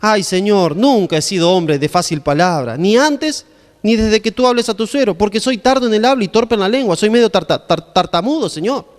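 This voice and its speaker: A man's voice: high-pitched, animated, brisk, long reverb tail. A man with an Argentine Spanish accent voicing an eighty-year-old Moses, pleading and hesitant, stumbling over words.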